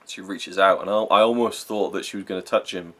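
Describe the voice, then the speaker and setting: A man's voice: low voice, fairly even intonation, fairly quick, fairly bright tone. A young man giving a casual, rambling, earnest film review, swearing now and then and getting openly emotional.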